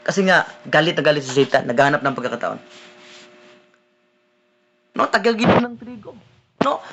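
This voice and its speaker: A man, a deliverance minister preaching a sermon in a conversational way, often checking in with the listeners with a quick "no?". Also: sits high, a bit bright. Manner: conversational preaching, mixing in English phrases, frequent "no?" tag questions.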